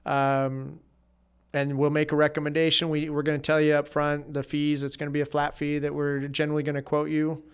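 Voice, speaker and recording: A man speaking as an estate planning attorney, explaining legal steps in a measured, plain-spoken way on a casual podcast. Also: fairly high pitch, completely flat delivery, clear, resonant tone.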